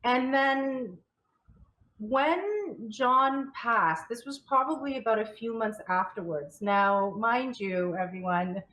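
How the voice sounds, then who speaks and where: A woman's voice: fairly high pitch, slow pace, a bit bright, slight background noise, low-quality recording. Candid woman telling her spiritual story. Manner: candid, repeats and restarts words, often laughs. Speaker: spiritual coach and channeler guest. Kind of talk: personal storytelling in an interview.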